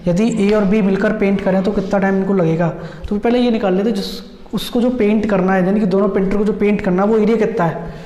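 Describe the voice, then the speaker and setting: A man's voice: high-pitched, steady tone, fast, warm tone. A man teaching an exam-prep maths lesson, explaining step by step and repeating key points while checking in with his students. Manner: repetitive step-by-step explaining, frequent check-ins. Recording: echoey room with long reverb.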